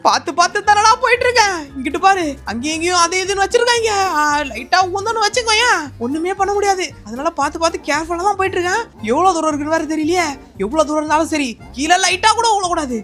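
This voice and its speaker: Fast, high-voiced excitable woman gamer. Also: soft background music. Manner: chatty, teasing, excitable. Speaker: gaming channel host. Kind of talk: playful game voiceover commentary.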